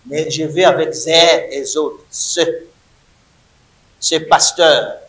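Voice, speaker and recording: A man's voice: fairly high pitch, steady tone, slow, a bit bright, reverberant, poor audio. A man teaching a Hebrew grammar lesson to a class, emphatic and repeating words to drill them.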